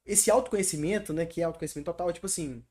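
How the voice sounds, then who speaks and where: Fast-talking, slangy man. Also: fairly high pitch, dark tone. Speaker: podcast co-host. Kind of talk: casual podcast chat.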